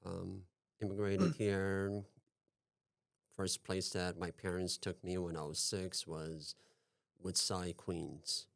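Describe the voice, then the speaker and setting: Deep-voiced man, halting and repetitive. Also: little pitch movement, gravelly. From Taiwan. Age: 40s. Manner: hesitant, halting, repeats himself. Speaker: guest. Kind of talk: podcast interview.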